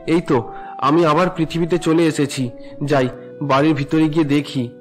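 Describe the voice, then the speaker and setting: A drunken cartoon husband, voiced by a man speaks in a fairly high voice, gruff and demanding one moment and desperately pleading the next. Music plays softly behind him. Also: steady tone, moderate pace, close to an everyday voice. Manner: demanding and gruff with his wife, pleading with God. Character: drunken husband, male, bullying then repentant.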